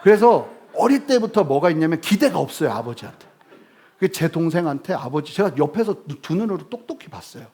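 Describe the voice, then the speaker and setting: A male pastor giving a sermon, telling humorous stories with sudden loud bursts. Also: fairly high pitch, sing-song, fairly quick.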